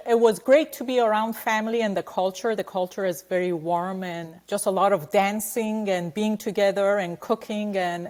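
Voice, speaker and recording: A woman from Iran answering interview questions in a conversational way, pausing with hesitations. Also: mid-range voice, darkish tone. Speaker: guest, psychology faculty member.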